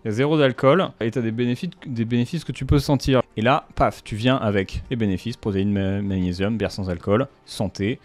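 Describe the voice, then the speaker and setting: A man's voice: medium pitch, brisk, hardly any pauses. A man giving casual, slangy commentary with punchy asides, breaking down a brand's marketing. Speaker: YouTuber analysing brand marketing.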